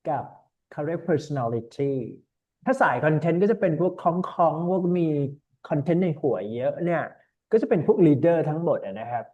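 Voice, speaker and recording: With phone-quality sound from an online call, a man with a fairly high voice teaches an IELTS speaking class at a measured pace. His manner is easygoing, and he mixes English words into his Thai.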